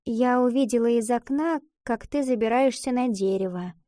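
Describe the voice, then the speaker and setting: A woman voicing a shy, earnest young schoolgirl who speaks quietly and hesitantly. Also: a little high, moderate pace, no room sound, studio quality, close to an everyday voice. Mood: timid.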